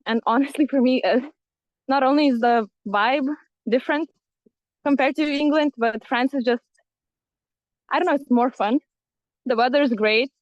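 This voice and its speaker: A woman's voice: high voice, normal speed, pauses often, dry recording. A young woman from Lithuania, a student ambassador, giving a hesitant, apologetic testimony over a phone video call. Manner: hesitant, apologetic, many fillers. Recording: dull lo-fi call audio.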